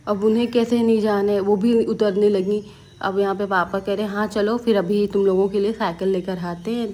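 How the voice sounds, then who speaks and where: Young woman vlogger, chatty narration that slips into relatives' voices, mid-range pitch. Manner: lively storytelling, acting out family members' lines. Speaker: vlogger narrating family footage. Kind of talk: casual vlog voice-over narration.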